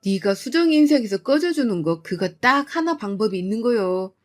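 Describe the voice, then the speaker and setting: A woman's voice: fairly high pitch, big pitch swings, a little fast. Woman doing an enraged stern father. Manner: stern, loud and threatening. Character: enraged doting middle-aged father.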